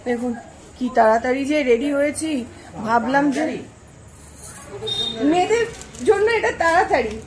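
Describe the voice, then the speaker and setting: A woman's voice: high-pitched, big pitch swings, normal speed, pauses often, crowd noise, rough recording. A young woman, chatting casually to viewers in a vlog and asking them questions as she goes. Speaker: vlogger.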